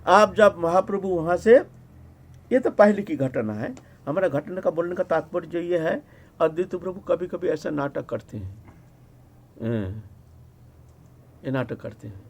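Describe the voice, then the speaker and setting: A man, a spiritual teacher, giving a devotional discourse at an ashram, telling a story in an animated way and often asking the listeners short rhetorical questions. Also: fairly high pitch, measured pace, long pauses. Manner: animated storytelling, acts out quoted speech, frequent rhetorical "हैं?".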